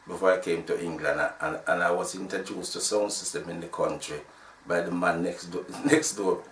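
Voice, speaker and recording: A man's voice: deep voice, steady tone, moderate pace, gravelly, a bit bright, recorded from a distance, slight background noise. A man in his sixties from Jamaica, with a Jamaican accent, telling his story in a rambling way full of restarts. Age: 60s. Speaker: sound system founder. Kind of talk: casual interview talk. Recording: roomy, from off the mic.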